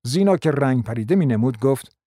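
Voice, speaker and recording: Man, narrator, measured literary narration, mid-pitched, dry close recording. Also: expressive, dark tone, dry recording. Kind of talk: scripted narration.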